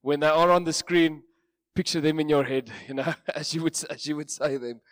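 A man with an Afrikaans accent, a native Afrikaans speaker, gives an informal sermon in a hoarse, strained voice with a self-deprecating, jokey manner. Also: on the high side, steady tone, brisk, no echo, studio quality. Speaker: preacher.

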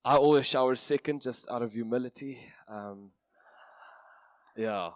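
A man with an Afrikaans accent, a native Afrikaans speaker, gives an informal sermon in a hoarse, strained voice with a self-deprecating, jokey manner. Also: medium pitch, measured pace, no room sound. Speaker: preacher.

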